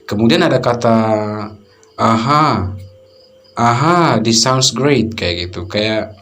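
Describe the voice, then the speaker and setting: A man from Indonesia giving a casual video lesson on English grammar, explaining with many fillers and acting out short example phrases. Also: on the low side. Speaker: English teacher.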